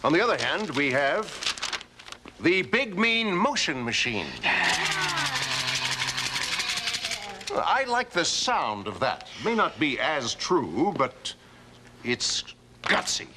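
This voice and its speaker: Slow, folksy railway official. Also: male voice, fairly high pitch, big pitch swings, very noisy. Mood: folksy, deliberating. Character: genial, folksy railway official, deliberating aloud and chuckling. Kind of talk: children's television acting.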